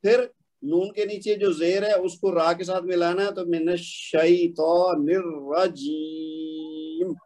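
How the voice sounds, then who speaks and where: High-voiced man teaching Quran recitation. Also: steady tone, a little mellow. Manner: patient, explains slowly, demonstrates stretched recitation syllable by syllable. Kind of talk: online tajweed class instruction.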